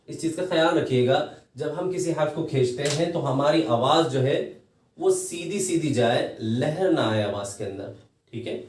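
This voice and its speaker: A man's voice: medium pitch, a little mellow, far from the mic. A man teaching children to read the Quran, patiently explaining each letter and drawing it out in a chant. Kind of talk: recorded lesson for children. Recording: echoey room, voice from off-mic.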